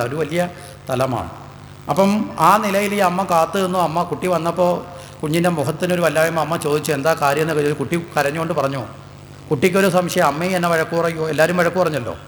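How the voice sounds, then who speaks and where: A man's voice: a little high, fairly even intonation, quick pace, a bit bright. A man from Kerala, India, giving a devotional discourse, telling stories and asking the listeners rhetorical questions. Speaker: Bhagavatam discourse speaker. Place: temple hall. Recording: echoey hall with faint hum.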